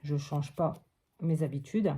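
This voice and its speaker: Crafting vlogger, woman from France: slow, low-pitched, narrates each step casually with fillers. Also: dark tone, slightly rough.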